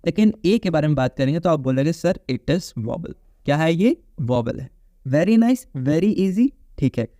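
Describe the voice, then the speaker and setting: A man's voice: fairly high pitch, expressive, moderate pace, mellow, no echo, clean studio sound. A man teaching an online phonetics lecture in Hindi mixed with phrases, explaining patiently and asking the class questions. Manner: mixes English phrases into Hindi.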